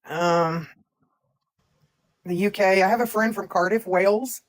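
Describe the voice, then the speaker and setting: A woman's voice: mid-range voice, measured pace. A woman, chatting casually as a livestream co-host and reading out where viewers are from. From Tennessee, USA. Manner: chatty, reads out viewer comments.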